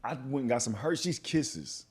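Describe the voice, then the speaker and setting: Animated man telling a story. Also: medium pitch, moderate pace, husky. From Texas. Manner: animated storytelling, acts out quotes. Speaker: podcast host. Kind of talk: casual chat.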